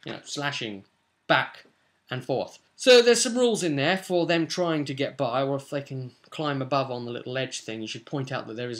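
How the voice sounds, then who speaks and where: In a small, cluttered room at home, a young adult man acting as game master casually explains a tabletop role-playing session. He stresses key words in a conversational way. His voice is medium-pitched and a bit bright.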